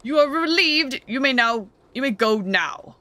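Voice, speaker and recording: A woman voicing a stiff, insecure ringmaster in a game who speaks slowly and formally, like a robot. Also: sits high, lively intonation, bright, forceful tone, pitched above the performer's own voice, exaggerated voice.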